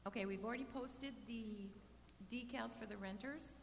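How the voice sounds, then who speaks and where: Speaking at normal speed in a gravelly voice on the high side, a residential park manager fields questions from residents. The casual meeting takes place in an echoey hall with a faint hum, and she talks plainly, often restarting and using fillers.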